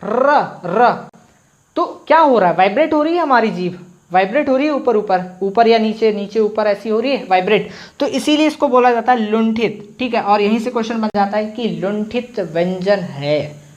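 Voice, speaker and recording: A man with a fairly high voice teaches an exam-prep grammar lesson online. He poses questions and answers them himself. He repeats each sound slowly for viewers to try. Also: dull audio. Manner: addresses viewers directly with frequent "theek hai".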